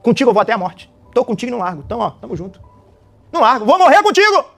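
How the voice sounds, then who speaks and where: A man, preaching a sermon and voicing the impulsive apostle Peter in loud, excited protests. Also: very high voice, rapid-fire, gravelly, exaggerated voice. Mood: protesting.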